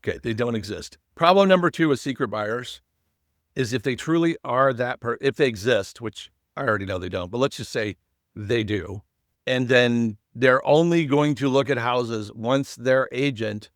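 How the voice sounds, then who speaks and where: A man hosting a casual real estate podcast, emphatic and animated, with lively jumps in loudness. His voice sits at a middle pitch. The recording is dry and close-miked. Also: normal speed, no echo.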